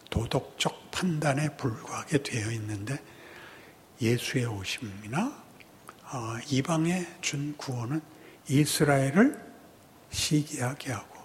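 A man preaching a sermon as pastor, swinging from hushed near-whispers to loud, impassioned outbursts in a dramatic, preacherly way. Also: medium pitch, slight background noise. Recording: long hall reverb.

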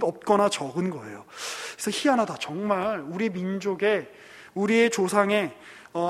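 A man with a high, light voice preaches a sermon in a hall. He tells the story conversationally, acting out quoted lines and turning to the congregation with asides. The sound rings with a long reverb. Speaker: pastor.

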